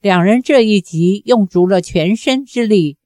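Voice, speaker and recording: A woman reading a martial-arts novel aloud in a steady, even storytelling manner. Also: mid-range voice, unhurried, no echo, studio quality. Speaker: narrator.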